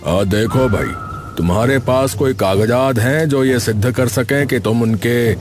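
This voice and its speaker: A man's voice: mid-range voice, measured pace, over music, lightly acted. A man voicing a formal village land official asking for papers. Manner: formal, questioning.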